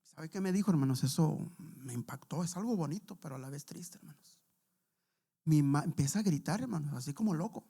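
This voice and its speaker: A man preaching a sermon in church, telling a testimony and leading prayer, calling out to the brethren constantly while his loudness swells and drops. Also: fairly high pitch, animated, fairly quick, vocal fry, breathy edge. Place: church sanctuary.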